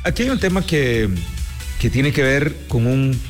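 A man from Guatemala, a sports show host, telling a story in a measured, casual way with many restarts. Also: medium pitch, animated, soft background music. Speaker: sports commentator. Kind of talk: casual talk show chat.

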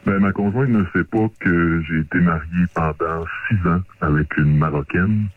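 A man calling in, his voice disguised and pitched down by a voice changer, talking in a hesitant, halting way full of fillers. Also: breathy edge, no echo. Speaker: caller. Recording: phone line.

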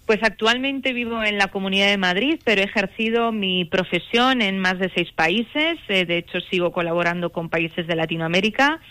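A middle-aged woman from Spain, an author speaking as a guest in a radio phone interview, measured and earnest with some hesitations. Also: medium pitch, pushed and bright, dry recording.

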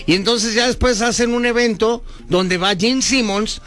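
A man with a Mexican accent hosting a casual radio interview, chatty and relaxed. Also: very high voice, normal speed, soft background music. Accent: Mexican Spanish. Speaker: radio host.

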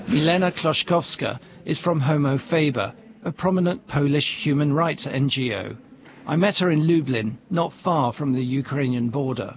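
A man reporter narrating a news report in a calm, even way and asking questions on location. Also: fairly high pitch, moderate pace, dull audio, crowd noise.

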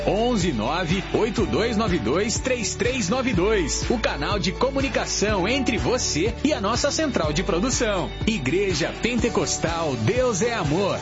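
A man reading a church radio promo, spelling out a phone number slowly and clearly. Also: high-pitched. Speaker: promo announcer. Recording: dull lo-fi radio sound.

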